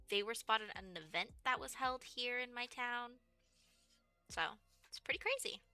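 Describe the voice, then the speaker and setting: A woman's voice: medium pitch, bright, forceful tone, clear, resonant tone. A young woman from Texas in her twenties, chatting casually on a livestream and rambling with lots of "like" and "um". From Texas, USA. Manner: rambling, chatty, many fillers like "like" and "um". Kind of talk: casual stream chat.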